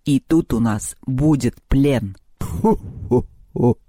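A man voicing a pompous, gallant male eagle in a storybook reading, speaking slowly and grandly. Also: mellow, no echo, clean studio sound, close to an everyday voice. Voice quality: slow, deep, theatrical.

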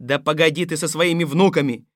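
An actor playing a stern but sensible fairy-tale tsar who speaks in a gruff, commanding way. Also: male voice, on the high side, steady tone, fairly quick, dry recording, studio quality, close to an everyday voice. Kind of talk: audio fairy-tale drama.

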